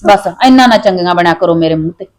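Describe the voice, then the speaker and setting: A woman playing a sharp-tongued middle-aged mother-in-law who scolds and nags in a family skit. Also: lowish voice, quick pace, natural voice, rough recording. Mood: scolding. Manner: scolding, nagging. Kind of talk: scripted domestic skit acting.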